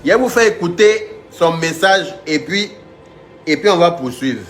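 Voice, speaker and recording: Guy on a live stream, kinda high voice, mocking and teasing, stumbles over his words, bit of music behind. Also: animated, a little slow, fairly bright tone. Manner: mocking and teasing, with stammered restarts. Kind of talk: live-stream rant to viewers.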